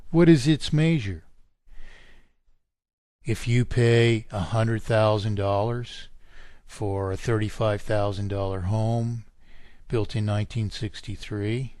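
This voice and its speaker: A man lecturing at length on a radio show, emphatic and insistent, with his voice climbing high when he fires off indignant questions. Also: flat delivery, slow pace, a little mellow, no echo, studio quality. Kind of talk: talk radio monologue.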